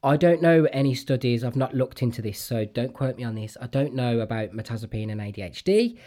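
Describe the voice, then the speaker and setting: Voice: mid-range voice, lively intonation, a little fast, dark tone. A podcast host in casual chat, earnest and repeating words while thinking aloud.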